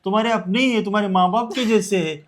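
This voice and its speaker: Amateur short-film father, a man playing a middle-aged family head, high voice, coaxing turning to scolding. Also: fast talker, close to an everyday voice. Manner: coaxing then angry scolding. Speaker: father-in-law.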